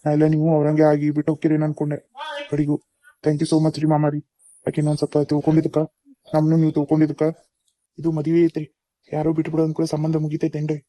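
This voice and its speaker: A man's voice: a little high, monotone, fast, dark tone, no room sound, lightly acted. A man with a North Karnataka accent voicing a troubled, earnest young husband in a cartoon. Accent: North Karnataka Kannada. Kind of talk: cartoon voice acting.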